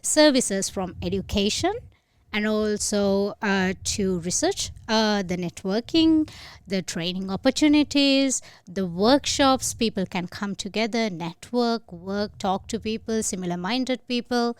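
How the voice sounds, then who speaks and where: A woman from Sri Lanka, a podcast guest, explaining her program in a measured way with some hesitant fillers. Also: mid-range voice, animated, smooth, dry recording. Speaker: guest, incubator head. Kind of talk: podcast interview.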